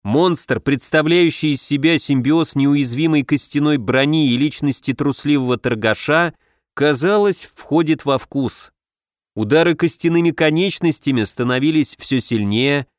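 A man's voice: on the high side, measured pace, no echo, clean studio sound. Man reading a fantasy audiobook. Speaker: audiobook narrator. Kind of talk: scripted narration.

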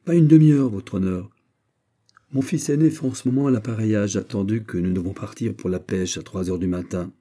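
An obliging fisherman, humble and eager to serve, as a man puts him on. He exclaims his answers with a husky, mellow voice, pitched a little above the narrator's, in a storybook tale. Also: fairly quick, lightly acted. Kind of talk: audiobook character reading.

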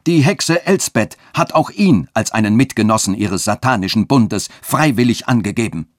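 A man's voice: lowish voice, expressive, moderate pace, dry recording, clean studio sound. A man reading a literary radio story and voicing a wrathful, fanatical bishop who thunders his commands. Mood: furious.

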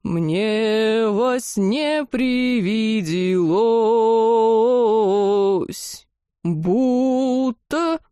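A woman voicing a boastful male dragon head who sings in a high ringing tenor and takes offence easily. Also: big pitch swings, takes it slowly, darkish tone, no room sound, clean studio sound, faint music behind. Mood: crooning.

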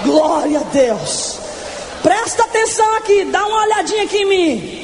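A woman in her twenties delivers her testimony as a fervent evangelical sermon, shouting and stretching out words for effect. Extremely high-pitched and very animated, she speaks at a normal speed against background noise.

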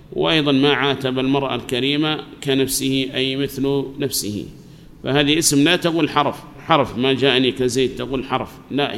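A man's voice: medium pitch, fairly bright tone. A man teaching a grammar lesson to a class, explaining patiently and asking questions that he then answers himself. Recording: long hall reverb, faint background noise.

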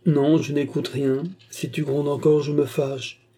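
A man voicing a gentle, affectionate young woman who is firm about what she wants, in an audiobook. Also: on the high side, little pitch movement, unhurried, slightly rough, voice pushed up. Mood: affectionate, insistent. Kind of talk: audiobook character voice.

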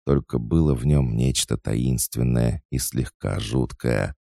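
A man narrates an audiobook in a steady, measured way. His voice is extremely deep and gravelly, and he reads slowly. The sound is dry and close to the mic. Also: no echo.

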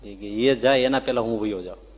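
A man retelling a devotional story as a sermon, his voice rising with feeling and dropping soft for the tender parts. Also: on the low side, fairly quick. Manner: tells the story with emotional rises and soft dips. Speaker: religious storyteller. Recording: long reverb of a large hall.

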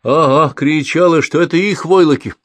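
A man's voice: a little high, normal speed, fairly bright tone, no room sound, voice pushed up, lightly acted. A man voicing a frightened, wounded young laborer speaking in broken grammar. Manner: broken grammar, weak, scared.

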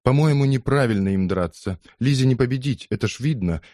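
A man reading an audiobook, voicing a calm, reproachful man from a crowd. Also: medium pitch, fairly quick, no echo, studio quality, pitched above the performer's own voice, close to an everyday voice. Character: man in the crowd, reasonable onlooker.

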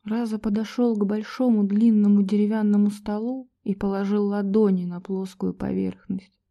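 A woman narrating an audiobook in a measured, tense storytelling manner. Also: mid-range voice, level tone, dull audio.

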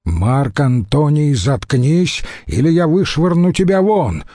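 A man's voice: fairly high pitch, big pitch swings, takes it slowly, warm tone, dry recording, studio quality, pitched above the performer's own voice, full character voice. A male audiobook reader voicing a stern elderly Roman consul with a barking, commanding manner. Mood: threatening.

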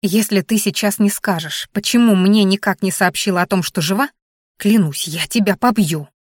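A woman's voice: medium pitch, normal speed, no room sound, studio quality, natural voice. Woman doing an enraged young best friend. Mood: threatening. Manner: shouting, scolding. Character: frantic, hot-tempered young woman friend. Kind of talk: audiobook character voice.

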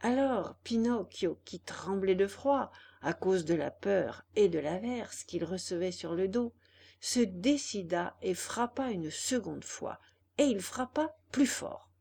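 Slow, expressive woman reading a children's tale. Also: medium pitch, creaky. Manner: expressive, deliberate storytelling. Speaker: audiobook reader. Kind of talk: storybook narration.

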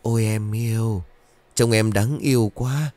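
A man's voice: fairly low pitch, dark tone, dry recording, lightly acted. A leering possessed young man, as a man puts him on. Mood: leering, crooning. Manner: slow, sleazy crooning.

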